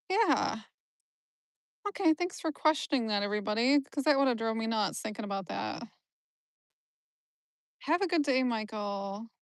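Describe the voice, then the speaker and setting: A woman with a somewhat high voice strolls through an outdoor cemetery, streaming live from her phone. She chats casually and answers viewers as she goes. Her voice sits close and dry, with no room sound around it. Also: no room sound. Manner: chatty, answers live comments as she walks. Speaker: genealogy vlogger.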